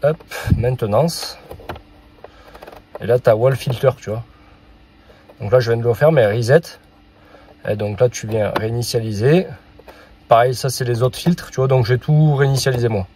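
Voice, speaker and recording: A man casually talking the viewer through a van oil change, relaxed and informal, with frequent filler sounds. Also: medium pitch, moderate pace, a little hiss or hum. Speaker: mechanic hosting a tutorial channel. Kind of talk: casual how-to instruction.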